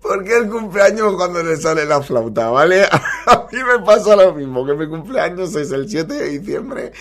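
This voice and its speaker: A man with a Spain accent hosting a comedy podcast, commenting on TV clips in a casual, animated way and laughing often. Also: fairly high pitch, normal speed. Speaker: podcast host.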